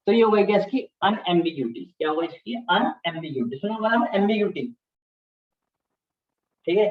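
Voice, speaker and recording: A man lectures a class, repeating key terms and frequently checking that students are keeping up. His high voice is expressive and a little fast. The classroom recording is distant, echoey and dull.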